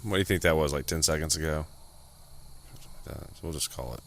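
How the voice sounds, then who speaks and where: A man's voice: extremely low pitch, fairly quick, a little hiss or hum. A young man co-hosting a podcast in casual chat, loose and profane, rambling and restarting his sentences. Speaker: podcast co-host.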